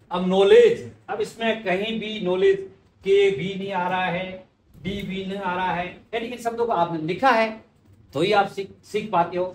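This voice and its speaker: A man teaching Hindi spelling in a conversational way, repeating each word as he writes it out on a board. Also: sits high. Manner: conversational, repeats words while writing. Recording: echoey room with faint ambient noise.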